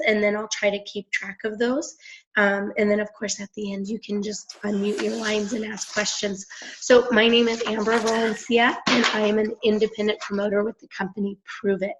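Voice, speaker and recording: A young woman with a hoarse, raspy voice, chatting enthusiastically with lots of fillers as she hosts a conference call. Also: medium pitch, a little hiss or hum. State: hoarse, clearing throat. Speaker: independent promoter hosting a conference call. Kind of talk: casual phone-call presentation. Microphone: phone or conference line. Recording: dull lo-fi conference call audio.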